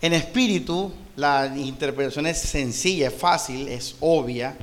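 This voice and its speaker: A Colombian man preaching an expository sermon, reading scripture aloud and then explaining it, often posing a question and pausing for the answer. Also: mid-range voice, a bit bright. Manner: poses rhetorical questions and pauses for the answer. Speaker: pastor.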